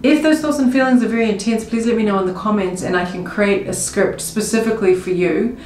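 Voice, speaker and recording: A woman coaching viewers through a tapping session, speaking slow, emotive first-person affirmations. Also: mid-range voice, darkish tone. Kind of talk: guided tapping script spoken in first person. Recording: roomy with faint music behind.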